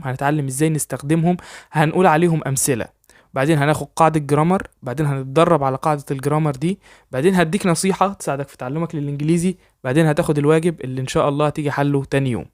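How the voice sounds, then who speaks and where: A man with an Egyptian Arabic accent teaching an online English lesson for beginners. He talks in an encouraging, motivational way, repeats phrases in lists, and says the English example sentences slowly and carefully. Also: fairly high pitch, darkish tone.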